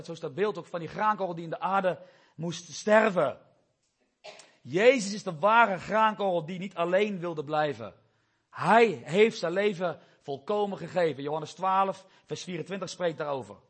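A man with a fairly high, husky voice preaches a sermon. He talks earnestly and quotes scripture, now swelling louder, now dropping low. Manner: earnest, quotes scripture, rises and drops in volume.

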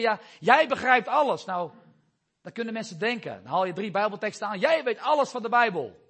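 A man's voice: high voice, a bit bright, breathy edge. A man preaching a sermon to his congregation, earnest and reading out scripture, his voice rising and falling in volume. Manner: earnest, quotes scripture, rises and drops in volume.

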